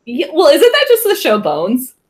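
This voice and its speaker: A woman recaps an episode with her co-host in a loose, chatty way. Her voice is a bit high and swoops around with lively pitch. She fills her sentences with casual asides. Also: normal speed. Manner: chatty, lots of "like" fillers. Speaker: podcast co-host.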